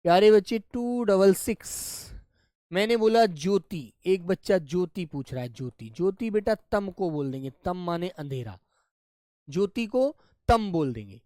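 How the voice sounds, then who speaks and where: A male teacher running a live online class, who repeats each word slowly, calls the children dear, and drops to a soft low voice when he repeats answers. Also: animated, no echo, clean studio sound.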